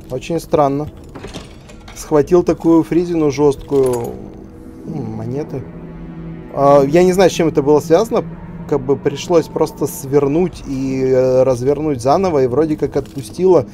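A man's voice: on the high side, unhurried, mellow. A man giving casual commentary as he plays a video game. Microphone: voice-over over game audio. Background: game music.

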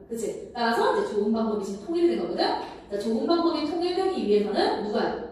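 A woman's voice: a little high, a little mellow, slight background noise. A woman teaching a grammar lesson to a class, often checking in with her students. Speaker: Korean language teacher. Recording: echoey room, from a distance.

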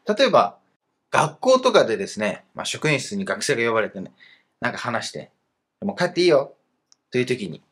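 Guy teaching grammar, kinda husky, voice bounces up and down a lot. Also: medium pitch, fairly quick. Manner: lively explaining with fillers. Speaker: teacher of Chinese. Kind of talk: narrated grammar lesson.

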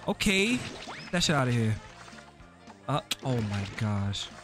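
A man's voice: mid-range voice, slow pace, loud music behind the voice. A man giving casual, slang-filled commentary while playing a video game, swearing freely. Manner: laid-back, slangy, swears freely, gets excited. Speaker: gaming YouTuber.

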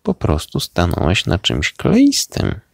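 A man's voice: low voice, huge pitch swings, slow, vocal fry, slightly rough, heavily acted. A man reading a storybook aloud and voicing a cheerful, reassuring young woman detective.

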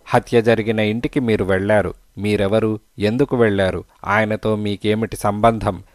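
A man doing a patient, gentle detective. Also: fairly low pitch, little pitch movement, moderate pace, no room sound, clean studio sound, natural voice. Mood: gently probing. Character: calm, kindly male detective questioning a witness.

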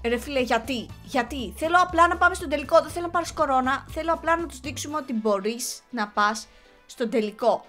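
A young woman giving excitable gameplay commentary, often yelling and scolding her character. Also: sits high, soft background music. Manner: excitable, yells and scolds the game. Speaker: gaming YouTuber.

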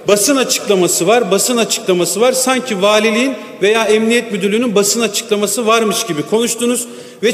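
A man speaking into a lectern microphone at the rostrum of a large parliamentary chamber, defensively rebutting accusations point by point. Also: high-pitched. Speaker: member of parliament. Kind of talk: parliamentary floor speech. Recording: echoey large hall with long reverb.

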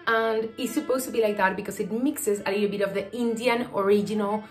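A woman's voice: medium pitch, steady tone, brisk, faint music behind. A woman in her thirties with a Venezuelan Spanish accent, a native Spanish speaker, chatting casually to her phone camera as a cooking vlogger and explaining as she goes. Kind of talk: casual vlog. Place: bedroom indoors, then kitchen.

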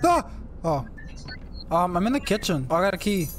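A man's voice: high-pitched, sing-song, normal speed, slight background noise. A young man streaming a horror game with friends, scared and panicky, cursing and repeating himself in casual chat. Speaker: gameplay streamer. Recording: game headset chat, loud game ambience.

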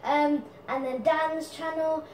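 A woman's voice: high-pitched, steady tone, slow, a little mellow, recorded from a distance, slight background noise. A woman answering fan questions in a casual vlog, giggly and apologetic, with lots of ums. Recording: echoey room, from off mic.

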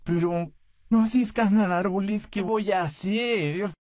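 A performer voicing a gentle, soft-spoken male puppet in a fan dub, talking in a slow, soothing way. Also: mid-range voice, dry recording, clean studio sound, close to an everyday voice.

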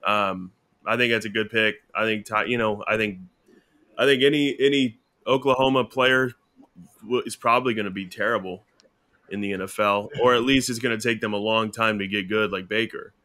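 Bright-voiced man chatting football. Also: on the low side, a little fast. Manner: relaxed, rambling with fillers and restarts. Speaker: podcast co-host. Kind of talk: casual sports chat.

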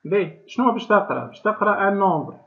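A male teacher with a Tunisian accent, giving an online class and explaining step by step while quizzing the students. His voice comes through a choppy, low-quality online stream. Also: animated, rapid-fire, fairly bright tone. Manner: explains step by step, keeps asking the class questions. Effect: choppy, low-quality online stream audio. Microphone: video call. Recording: tinny low-bandwidth online call audio.

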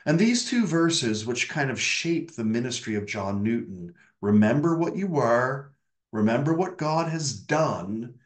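A middle-aged man preaches at an unhurried, deliberate pace, leaning on key words one after another. His mid-pitched voice comes through a webcam on a video call, with the echo of a room around it. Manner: earnest, emphatic, gestures with his hands, repeats key words. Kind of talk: sermon over video call. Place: home room with tall glazed bookcase. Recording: echoey room.

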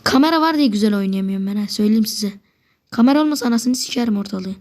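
A woman gamer talks fast at a medium pitch during live gameplay commentary. She gets worked up and excitable, swearing frequently and speaking directly to opponents, with occasional drops to a whisper.

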